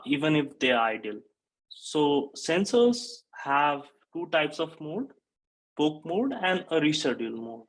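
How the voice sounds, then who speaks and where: A Nepali software engineer in his thirties gives a technical conference talk from a webcam setup in an indoor home or office room, framed like a video call. His voice is fairly high and fairly bright, the audio is poor, and he explains steadily with frequent "uh" fillers.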